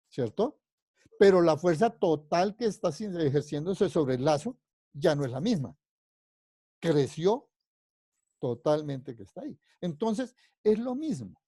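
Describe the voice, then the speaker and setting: A male physics professor giving a university lecture, his voice pitched a little high yet warm and mellow. He walks through the reasoning patiently, keeps asking his students whether they follow, and rephrases himself as he goes. The sound is dry, with no room echo. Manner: explanatory, constantly checking understanding with questions; rephrases and restarts mid-sentence while thinking aloud.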